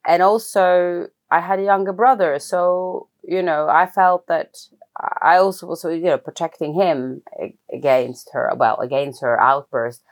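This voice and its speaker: Woman, low and reflective. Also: steady tone, unhurried. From Norway. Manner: thoughtful, hesitant, many restarts. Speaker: guest, film writer-director. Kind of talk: reflective personal interview.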